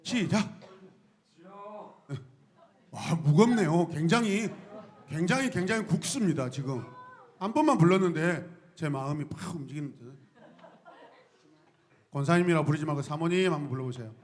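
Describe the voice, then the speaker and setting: A man preaching a sermon to his congregation, lively and often shouting out cries and calling on the people to join in. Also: fairly high pitch, normal speed, long pauses. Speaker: pastor.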